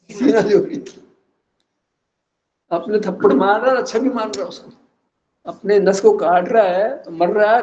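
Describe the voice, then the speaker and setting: A man's voice: sits high, mellow, highs cut off. A man giving a religious philosophical discourse, teasing his listeners with rhetorical questions and chuckling at his own points. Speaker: religious teacher.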